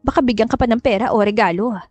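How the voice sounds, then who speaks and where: A woman's voice: on the high side, fast, a little mellow, dry recording, faint music behind, natural voice. A woman voicing a cold, manipulative mother who gives curt orders and coaxes her daughter. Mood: coaxing commands. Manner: curt, commanding, coaxing. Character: cold, scheming, chain-smoking mother.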